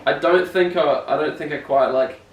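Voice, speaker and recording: A man's voice: fairly high pitch, moderate pace. A young man with a broad New Zealand accent chatting casually as an interviewed rider, rambling, slangy and self-deprecating. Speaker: BMX rider being interviewed. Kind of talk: casual chat. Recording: echoey room, distant mic, faint noise.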